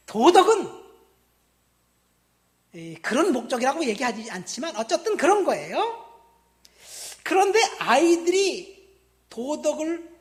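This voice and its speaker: A woman in her fifties from Busan, a pastor preaching a sermon, stressing words loudly and then dropping to quiet asides while asking the congregation questions. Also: high-pitched. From Busan, South Korea. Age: 50s. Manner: addresses the congregation directly with questions.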